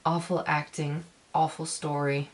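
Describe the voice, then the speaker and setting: A woman giving a casual video review, ranting emphatically in a halting, repetitive way. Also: deep voice, level tone, rough recording. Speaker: film reviewer.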